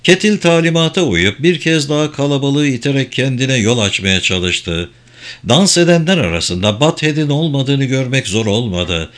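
A man reading a crime novel aloud as a steady, even audiobook narrator. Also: medium pitch, moderate pace. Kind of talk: scripted narration.

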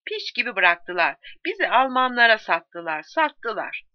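A woman's voice: mid-range voice, animated, brisk, no echo, dull audio, lightly acted. A woman voicing a bitter, resentful male soldier who is shaking with anger in an audiobook. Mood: furious. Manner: furious, trembling with rage.

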